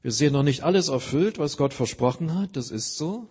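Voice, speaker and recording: A man's voice: on the high side, animated, fairly quick, a little mellow, slightly rough. A man preaching a sermon, earnestly explaining scripture with everyday examples.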